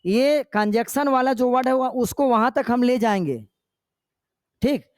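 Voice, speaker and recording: High-voiced, slow-paced older male teacher. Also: clean tone, dry recording, clean studio sound. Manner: checks understanding with repeated questions; demonstrates slow, paused recitation. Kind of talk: exam-prep classroom lecture.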